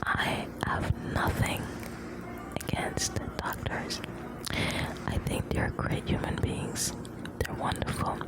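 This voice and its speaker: A woman from the Caribbean whispering ASMR right up close to the microphone, rambling gently in short, broken phrases. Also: slow pace, long pauses, poor audio. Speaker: ASMR host.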